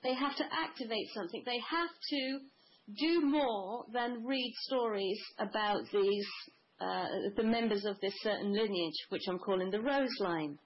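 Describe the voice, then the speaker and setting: A woman's voice: a little high, moderate pace. Woman talking spiritual matters, lo-fi. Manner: flowing, mystical phrasing with lists. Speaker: guest. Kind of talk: spiritual conversation.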